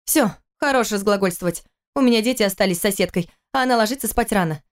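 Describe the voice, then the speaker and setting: A woman doing a sharp-tongued scolding wife. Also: medium pitch, quick pace, lightly acted. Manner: scolding, sarcastic, urgent.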